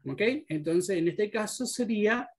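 A man's voice: sits high, expressive, a little slow, a little mellow. A man teaching an English class, patiently explaining pronunciation rules step by step. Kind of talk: online class instruction.

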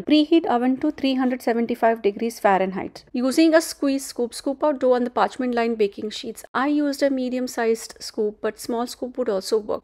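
A woman giving calm, steady step-by-step voice-over narration for her home cooking vlog. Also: fairly high pitch. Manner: calm, steady instructional delivery. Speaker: cooking vlogger.

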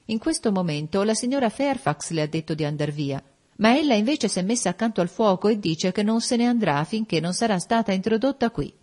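A woman's voice: mid-range voice, expressive, fairly quick, darkish tone, voice pushed up, lightly acted. A woman reading as an anxious male servant. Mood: uneasy. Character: hesitant male servant reporting to guests.

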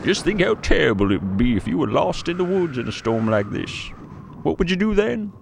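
A man's voice: on the high side, big pitch swings, a little fast, gravelly, a little hiss or hum. A man playing an old grandfather who tells a spooky tale to a grandchild in a playful, dramatic way. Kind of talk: storybook read-aloud.

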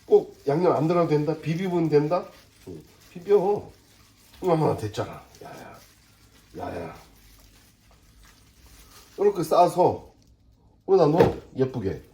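In a home kitchen, a middle-aged father who makes cooking vlogs chats away to himself while preparing kimchi, muttering and cracking jokes as he goes. His voice is fairly high, animated and warm, but he speaks slowly with frequent pauses, and the room sounds reverberant.

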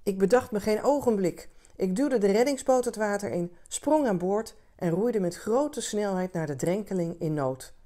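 Een vrouw die een verhaal voor volwassenen rustig en zacht voorleest als bedverhaal. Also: female voice, mid-range voice, expressive. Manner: gentle, unhurried storytelling. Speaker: reader of stories for adults. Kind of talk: calm bedtime reading.

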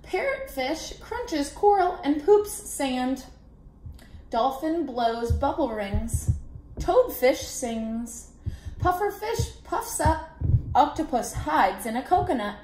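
Here a woman in her twenties with a high-pitched voice reads a children's picture book with lots of expression. Her delivery is slow and lively, peppered with questions for kids, and she sits at a table in a small indoor room where the sound echoes amid clicking background noise.

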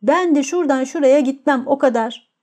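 A woman's voice: sits high, fairly quick, a little mellow, close to an everyday voice. A woman voicing a tormented, jealous young man who tells his story in a gloomy, brooding way.

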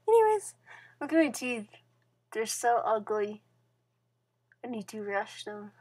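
A woman vlogging casually from her bedroom into a computer webcam mic. She rambles with lots of fillers and restarts, drifting from soft mumbles to louder bursts. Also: a little high, sing-song, measured pace, husky.

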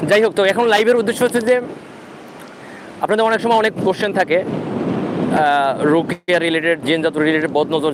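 High-voiced Bangladeshi man, noisy outdoor livestream. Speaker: ruqyah practitioner hosting a live Q&A. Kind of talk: informal livestream talk with religious advice. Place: outdoors at a sea beach. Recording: clear outdoor wind and rumbling noise.

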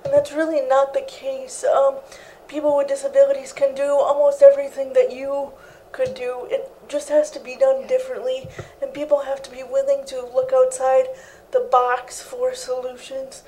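A young woman with a high, mellow voice and a flat, even delivery, speaking earnestly as an interview guest. She is recorded indoors on a lapel mic. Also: normal speed, poor audio. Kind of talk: interview answers. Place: living room set indoors.

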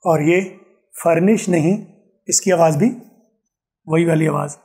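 A man's voice: on the high side, fairly even intonation, slow, gravelly, mellow, breathy edge. A male spoken English teacher giving an online pronunciation lesson, repeating each word several times and speaking directly and patiently to viewers. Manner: drills words by repeating them several times.

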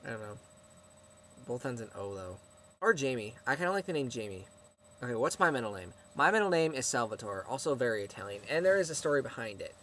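A man's voice: mid-range voice, big pitch swings, fast talker, fairly bright tone. Teenage male vlogger, casual and chatty, mid-range voice, faint background noise. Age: teens. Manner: chatty, rambling, answering viewer questions. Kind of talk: casual chat to camera.

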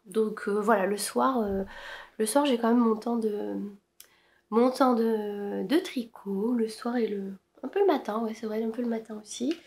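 A woman's voice: fairly high pitch, measured pace, darkish tone. A woman chatting casually about her knitting to camera, hesitant with many fillers. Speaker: knitting podcaster. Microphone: camera-mounted shotgun mic.

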